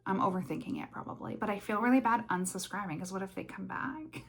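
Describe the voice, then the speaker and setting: A woman from Canada chatting casually in a craft vlog, talking fast and rambling with many fillers and restarts. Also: mid-range voice, gravelly, a little hiss or hum. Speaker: cross stitch vlogger.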